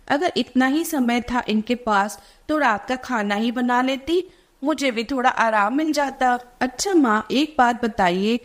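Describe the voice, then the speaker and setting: A woman's voice: fairly high pitch, natural voice. Woman doing a fretful young daughter. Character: anxious married young working woman, complaining daughter.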